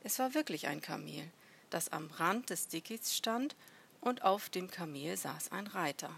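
Slow, low-voiced woman telling a story. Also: lively intonation, creaky, breathy edge. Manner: measured, gentle storytelling. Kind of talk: children's story read aloud.

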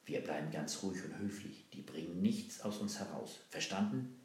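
A man playing a bold, quick-witted girl. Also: sits low, animated. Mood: scheming. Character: clever, bold young girl. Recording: roomy echo.

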